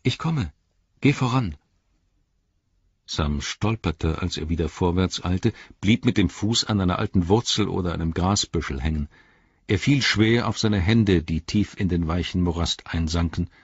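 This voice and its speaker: A man narrating a fantasy audiobook in a measured, expressive storytelling manner. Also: deep voice, husky, no echo, dull audio.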